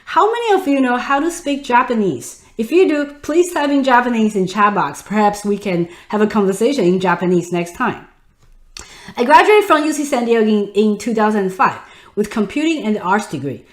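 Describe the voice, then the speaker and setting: This online webinar is hosted by a Taiwanese woman in her thirties whose native language is Mandarin and whose accent is Taiwanese Mandarin. Her slightly high voice swings widely in pitch at a moderate pace, the room reverberates, and she teaches while addressing the audience directly.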